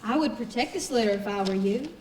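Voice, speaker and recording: A young woman on stage playing a sharp, dryly sardonic magazine editor, heard in a roomy theatre from a distance. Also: mid-range voice, fast talker, natural voice. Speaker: actor. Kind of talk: stage acting. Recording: roomy stage from far off, faint hiss.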